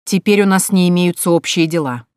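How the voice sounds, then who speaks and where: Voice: medium pitch, a little fast, a little mellow, clear, resonant tone, dry recording, clean studio sound, natural voice. A reader voicing an angry nobleman who gives stern, clipped commands in an audiobook. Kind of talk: audiobook character voice.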